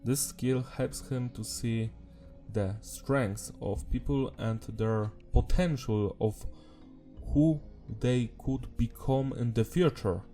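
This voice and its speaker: An anime review host talks in a mid-range voice, slow and dark in tone, with faint music playing behind him. His throat sounds sore and swollen, like he's sick, and his commentary rambles along casually with some mild swearing.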